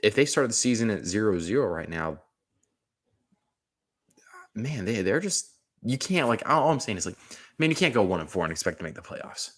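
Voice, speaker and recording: Deep-voiced man ranting casually about football. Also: sing-song, normal speed, long pauses, a bit bright. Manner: rambling, slangy, frequent "man" and "dude". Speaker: sports commentator. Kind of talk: casual sports talk.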